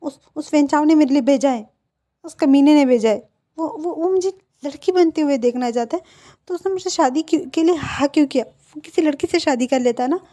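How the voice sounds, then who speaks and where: A stubborn young man, voiced by a woman, bursts out in stammering, indignant protests, his voice climbing higher and louder than plain narration. He sounds sulky and hurt. The mellow tone makes him soft even while he shouts. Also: a little fast, lightly acted. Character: emotional young male omega groom, sulky and stubborn.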